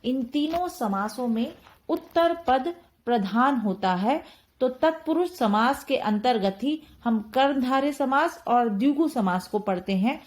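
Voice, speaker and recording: A woman's voice: sits high, animated, a little slow, a little mellow. A woman teaching a Hindi grammar lesson, explaining step by step and repeating key terms.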